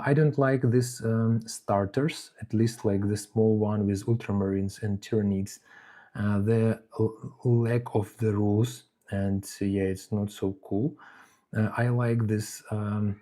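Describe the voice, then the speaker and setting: A man from Ukraine with halting English and many fillers, chatting casually on a live painting stream. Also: lowish voice, mellow. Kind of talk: live-stream hobby chat. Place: home hobby desk.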